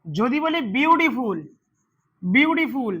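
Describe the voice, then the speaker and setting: High bright-voiced male grammar teacher. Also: expressive, takes it slowly, breathy edge. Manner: repeats words, quizzes students directly. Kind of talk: classroom lesson.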